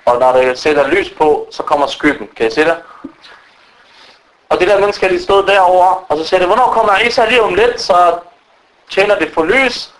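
Guy preaching, high voice, lively storytelling, keeps asking the crowd questions. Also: poor audio. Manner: animated, rhetorical questions to listeners. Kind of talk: religious lecture.

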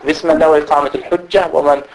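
Animated man preaching with acted-out quotes. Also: fairly high pitch, gravelly, a little hiss or hum, rough recording. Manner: animated, acts out quoted speech. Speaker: Islamic preacher. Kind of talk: informal religious talk with stories.

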